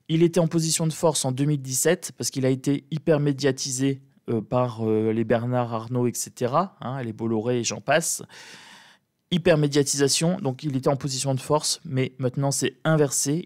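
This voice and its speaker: A man with a soft, sleepy morning voice, thinking aloud in casual commentary as he reads tarot cards, repeating points for emphasis. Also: medium pitch, no echo, clean studio sound. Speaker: tarot reader commenting on politics. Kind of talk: casual spoken commentary during a card reading.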